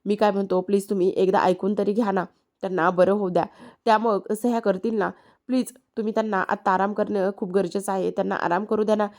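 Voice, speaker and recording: A woman's voice: mid-range voice, steady tone, quick pace, a little mellow, natural voice. A woman voicing an anxious young man who pleads, in quoted lines from a serial recap. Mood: pleading.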